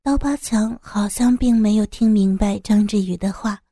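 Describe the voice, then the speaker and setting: A woman narrating an audiobook story in an even, measured way. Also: medium pitch, no room sound, studio quality.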